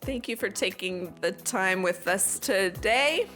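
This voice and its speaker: A woman's voice: medium pitch, lively intonation, takes it slowly, fairly bright tone, a little hiss or hum. A woman co-hosting a podcast who playfully trips over her closing lines. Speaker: podcast co-host. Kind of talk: casual podcast chat, singing a parody song. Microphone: headphones and studio mic.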